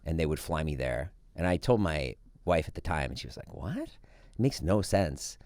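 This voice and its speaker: Male podcast host, very deep voice, brisk interviewer, dry studio sound. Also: big pitch swings, darkish tone, dry recording. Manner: short prompts and quick follow-up questions. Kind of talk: casual interview chat.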